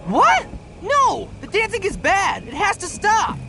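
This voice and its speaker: A man voicing an earnest, excitable young boy hero in a cartoon. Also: extremely high pitch, brisk, slight background noise, heavily acted. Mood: eager. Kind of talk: cartoon voice acting.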